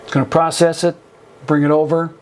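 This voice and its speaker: A man talks through a photo editing tutorial in a loose, conversational way, often restarting his sentences. His voice sits a little higher than most men's. There is a faint hum of room ambience behind him. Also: little pitch movement, brisk. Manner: rambling, self-correcting, conversational. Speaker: photography instructor. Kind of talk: screen-recorded software tutorial.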